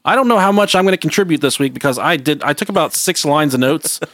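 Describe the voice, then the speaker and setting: A young man co-hosting a podcast, trading crude, deadpan jokes in casual chat. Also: fairly high pitch, quick pace, dry recording. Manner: crude, joking, deadpan banter. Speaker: podcast co-host.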